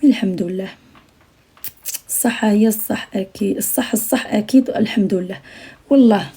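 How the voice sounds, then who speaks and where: Husky, dark-voiced Algerian woman. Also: medium pitch, brisk. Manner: earnest, repeats phrases, drops to near-whispers. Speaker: live streamer. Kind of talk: late-night live stream talk.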